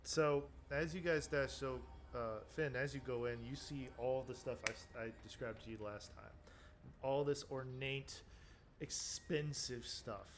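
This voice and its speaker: A man's voice: mid-range voice, noisy background. Casual man running a tabletop game. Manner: casual, halting, searches for words. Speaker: game master.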